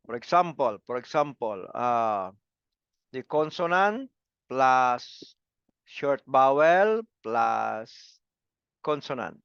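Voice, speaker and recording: Male grammar teacher, unhurried lecture, dry, muffled lo-fi recording. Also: medium pitch, a bit bright, clear, resonant tone, no room sound. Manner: repeats words and syllables, asks "come again". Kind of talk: slow classroom lecture.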